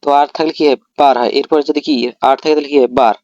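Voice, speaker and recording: A man's voice: fairly high pitch, steady tone, racing, darkish tone, no room sound, lo-fi sound. A man giving a pronunciation lesson, explaining rules step by step and putting questions to himself and then answering them. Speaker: English teacher. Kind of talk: spoken English pronunciation lesson.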